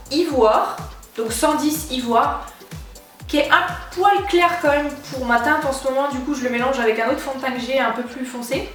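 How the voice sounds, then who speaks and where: A young woman reviewing makeup she bought in a chatty vlog, full of fillers and restarts. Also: high voice. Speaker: beauty vlogger. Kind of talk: casual haul review. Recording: very echoey room, mic at a distance, faint music.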